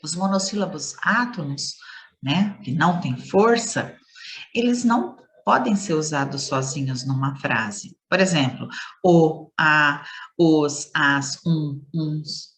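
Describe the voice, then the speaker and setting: Woman teacher, low voice, unhurried, playful, stresses syllables for kids. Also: lively intonation. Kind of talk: scripted lesson to schoolchildren.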